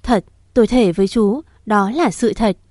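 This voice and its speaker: A woman's voice: medium pitch, moderate pace, a little mellow, dry recording, close to an everyday voice. A woman storyteller voicing an older female midwife and servant who pleads and confesses through tears, in a dry recording. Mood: tearful.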